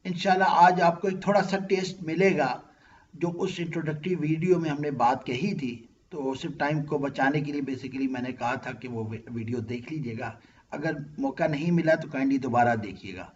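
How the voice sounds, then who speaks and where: A man's voice: a little high, normal speed, dull audio, slight background noise. A man, teaching Arabic grammar in an online class and patiently quizzing his students. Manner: patient, asks students questions and checks understanding.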